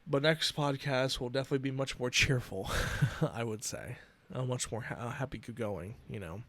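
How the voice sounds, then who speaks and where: A man in his twenties hosting a solo podcast, earnest and emotional, talking haltingly with many restarts. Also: medium pitch, fairly bright tone, no echo. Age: 20s. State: emotional, near tears. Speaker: podcast host. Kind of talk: personal solo podcast talk.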